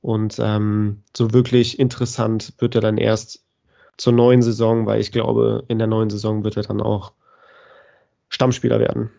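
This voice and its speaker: A man co-hosting a podcast, giving hesitant, measured analysis with lots of fillers. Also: on the low side, level tone, vocal fry, warm tone. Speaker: podcast co-host. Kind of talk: casual analysis. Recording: dull lo-fi sound.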